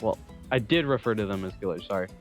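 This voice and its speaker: A man's voice: lowish voice, fast, faint music behind. A man streaming a game, joking and mocking himself as he comments on what he reads. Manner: joking, self-mocking asides. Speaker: gaming streamer. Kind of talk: casual commentary while reading a game aloud.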